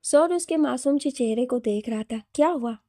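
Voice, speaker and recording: A woman reading a romantic story aloud as a steady, scripted narration. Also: high voice, moderate pace, dry recording, studio quality.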